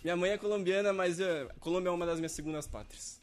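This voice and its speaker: A man's voice: sits high, fast, soft background music. A man appearing as a guest commentator on a sports radio show, easygoing and good-humored.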